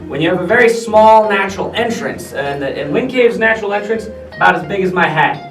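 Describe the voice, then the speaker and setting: A man with a high-pitched American voice guides a tour in an echoing cave. He explains and tells stories in a folksy, questioning way. He sounds some distance from the mic, with guitar music underneath. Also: animated, a little fast, fairly bright tone. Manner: folksy, addresses the group with questions. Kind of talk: guided tour talk with storytelling. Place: inside a cave with a tour group.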